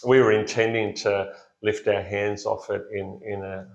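A middle-aged pastor from the Blue Mountains in New South Wales, Australia, speaks in a lowish, gravelly, level voice at normal speed. In this casual interview he hesitates, restarts, uses many fillers, and laughs easily. The room sounds echoey, dull, and lo-fi.

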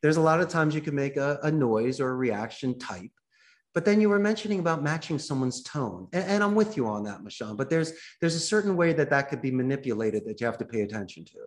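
A man speaking as a guest in a podcast interview, with a plain mid-pitched voice. He talks with animation and breaks into quoted lines to act out sample phone calls. His delivery is coaching and talkative. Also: animated, fast. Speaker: guest, call center owner.

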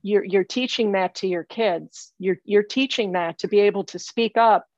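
A woman's voice: medium pitch, moderate pace, a little mellow, dry recording, highs cut off. A woman giving a psychic reading over a remote call, earnest and insistent, often stopping and repeating her phrases. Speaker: psychic medium.

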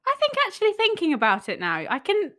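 A woman's voice: very high-pitched, wildly swooping pitch, fast talker, a bit bright. A woman hosting a podcast interview in a casual, chatty and enthusiastic way. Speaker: podcast host.

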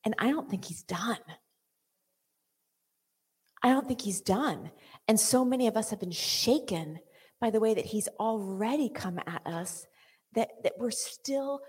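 A woman preaching a charismatic sermon to a room, animated and playful, acting out quoted voices, then dropping low and intense. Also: breathy edge, big-room sound. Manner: animated, acts out quotes of God and the congregation. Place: church meeting room.

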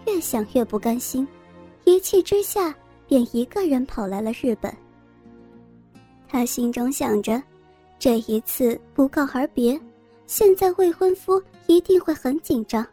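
High, mellow woman narrating a story. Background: faint music.

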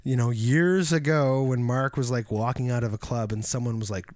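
A man's voice: mid-range voice, normal speed, no room sound, studio quality. Rambling, swearing man telling a story. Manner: rambling, animated storytelling with swearing and mimicked voices. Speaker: podcast co-host. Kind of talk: casual chat.

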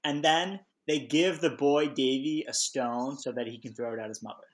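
A man's voice: mid-range voice, normal speed, poor audio. A man co-hosting a book podcast, talking in a thoughtful, reflective way. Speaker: podcast co-host. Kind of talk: casual book discussion.

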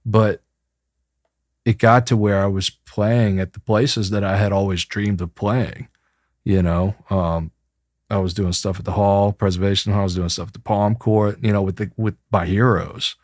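A man with a low voice answers in a casual interview. He speaks in a reflective, colloquial, slightly rambling way, recorded dry. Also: steady tone, moderate pace, a little mellow, no room sound. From New Orleans, USA. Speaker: interview guest, musician.

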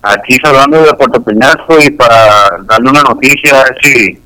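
A man's voice: medium pitch, brisk, sharp tone, poor audio. A man calling into a radio show, speaking hesitantly. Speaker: caller. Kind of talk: phone call to radio show.

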